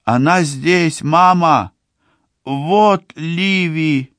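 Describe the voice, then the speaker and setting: A man voicing a desperate young woman who shouts and pleads tearfully for her mother in an audiobook. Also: fairly high pitch, extremely slow, no echo, studio quality, pitched above the performer's own voice. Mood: desperate shouting. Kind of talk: audiobook character voice.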